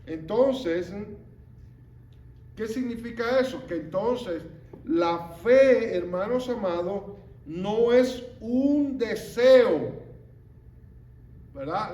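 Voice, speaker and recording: In a room that lends a noticeable echo, a man with a fairly high voice slowly teaches a Bible lesson. He takes each point unhurriedly and keeps checking in with listeners through rhetorical questions.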